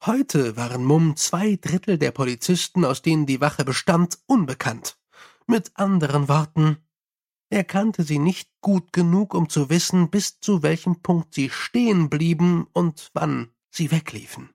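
A man reading a novel aloud as an audiobook narrator, with expressive, lively storytelling. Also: a little high, a little slow, creaky. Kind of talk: scripted narration.

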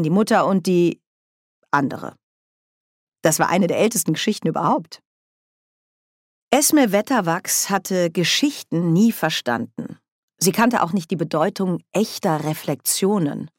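Low-voiced woman narrating a story. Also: dry recording, clean studio sound. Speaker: audiobook reader. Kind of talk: scripted narration.

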